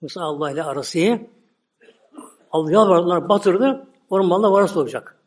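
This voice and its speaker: A man's voice: high-pitched, animated, brisk. A man preaching, retelling a religious story animatedly with many repeated filler words. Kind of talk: sermon storytelling.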